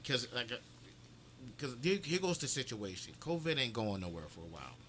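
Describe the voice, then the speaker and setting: A man's voice: medium pitch, brisk, slight background noise. A man co-hosting a podcast in casual chat, emphatic and profane, building his point with restarts. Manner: profane, emphatic, animated storytelling. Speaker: podcast co-host.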